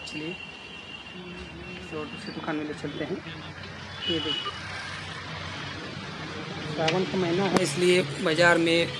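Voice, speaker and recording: A man talks through a casual walking vlog, his voice sitting a little high for a man. He narrates into a phone held at arm's length in an outdoor market, calmly pointing out what he sees. Street noise and passing traffic run clearly under his voice. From India. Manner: plain, unhurried tour-guide commentary, pointing things out. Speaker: vlogger.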